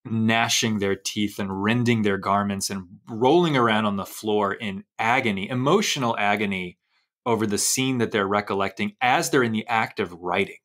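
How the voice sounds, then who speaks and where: Male podcast host, a little low in pitch, chatty and animated, wanders through his anecdotes. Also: moderate pace. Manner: animated, rambling storyteller. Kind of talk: conversational interview.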